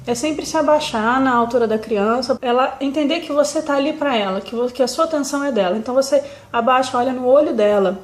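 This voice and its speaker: A young woman with a Brazilian Portuguese accent, a mother sharing parenting advice in a gentle, reflective way, with fillers and restarts. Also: sits high, fast, hardly any pauses. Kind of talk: casual talk to camera. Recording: echoey room.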